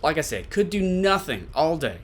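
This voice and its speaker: A man's voice: on the high side, big pitch swings, normal speed. A man giving casual solo sports commentary as a podcast host, conversational and repeating points for emphasis. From Tennessee, USA.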